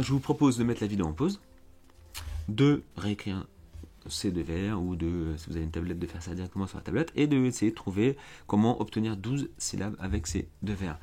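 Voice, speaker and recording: A man teaching a lesson online, explaining step by step in a patient way, often pausing with fillers and restarting phrases. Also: on the low side, a little mellow. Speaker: French teacher.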